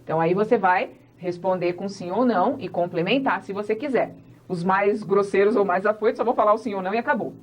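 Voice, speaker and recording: Female teacher, Portuguese her first language, clear step-by-step explainer for an online English class. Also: medium pitch, fast, slight background noise. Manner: explains step by step, acts out sample dialogues.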